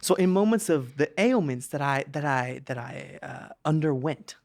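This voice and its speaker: A man as a podcast guest, joking in a mock-solemn, deadpan way with pauses and repeats. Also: a little high, gravelly, no room sound, clean studio sound. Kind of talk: comic deadpan chat.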